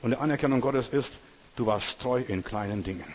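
A man preaching a sermon, asking his listeners direct questions and swinging between quiet stress and loud raised lines. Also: medium pitch, brisk. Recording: long hall reverb.

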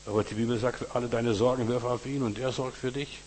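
A man's voice: medium pitch, steady tone, brisk, a little mellow, long reverb tail, a little hiss or hum, low-quality recording. A man preaching a sermon, speaking straight to his listeners with frequent asides and reading scripture aloud with rising drama. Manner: direct address with frequent 'weißt du', dramatic scripture readings.

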